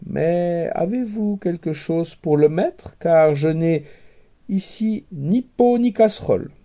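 A haughty young princess with a sharp, commanding way of speaking, put on by a man reading the tale. Her voice sits well above the reader's own, mellow and unhurried in this storybook telling. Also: a little high, animated, pitched above the performer's own voice. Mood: imperious.

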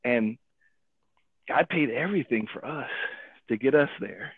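A man telling a personal story and drawing a faith lesson from it, animated, acting out the people he quotes and often adding "right?". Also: medium pitch, unhurried, husky, dry recording. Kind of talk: casual radio talk. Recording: tinny phone-like radio audio.

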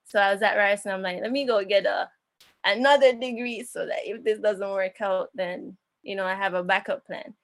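A young woman from Jamaica talks through her background in an unhurried, reflective way. She leans on fillers like "um" and "like" and restarts her sentences. Her voice is mid-pitched and sits close and dry, with no room sound around it. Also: no room sound. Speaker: interviewer and musician. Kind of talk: casual conversation.

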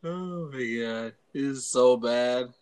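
Blunt dude cracking dark jokes on a podcast, loud laughs, fishbowl echo all over. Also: male voice, medium pitch, slow pace. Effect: hollow echo of an untreated room, like inside a fishbowl. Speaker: podcast co-host. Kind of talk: casual podcast chat, telling dark jokes.

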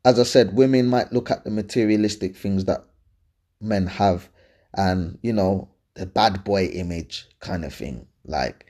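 London roadman-accented man, lower-pitched, casual advice. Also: a little mellow, breathy edge. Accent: London, urban roadman slang. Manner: colloquial, emphatic, repeats points and checks for agreement. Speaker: podcast host answering listener questions.

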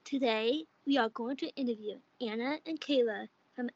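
A woman's voice: fairly high pitch, moderate pace, no echo. A woman in her twenties, the board's timekeeper, reading prepared lines carefully. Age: 20s. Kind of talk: reading scripted podcast lines. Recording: dry, dull lo-fi sound.

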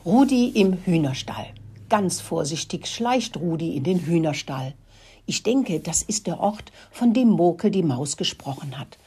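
Husky older woman telling a kids' story. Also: fairly low pitch, unhurried. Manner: friendly, lively storytelling. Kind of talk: children's story narration.

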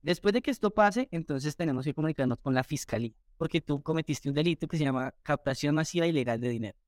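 A man from Colombia, a guest recounting his story in an interview with animated retelling and quoted dialogue. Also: fairly high pitch, fast, no echo, studio quality. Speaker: entrepreneur guest.

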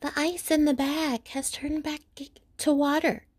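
A plucky young shepherd from a storybook, determined and bright, as a woman puts the voice on. The voice jumps well above her usual pitch and comes out slow and eager. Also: flat delivery. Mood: earnest.

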